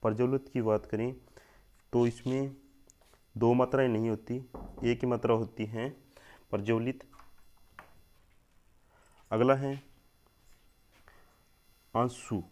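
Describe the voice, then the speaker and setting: A young Hindi grammar teacher gives an exam spelling lesson, going through the words one by one, repeating each several times and often checking in with listeners by saying "thik hai doston". His medium-pitched, warm voice is slow and fairly even, with frequent pauses.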